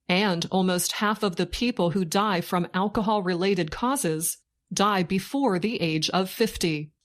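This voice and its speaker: A woman narrates a scripted news report for learners slowly and deliberately, in short phrases with pauses, like a dictation. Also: mid-range voice. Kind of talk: slow scripted learning-English news reading.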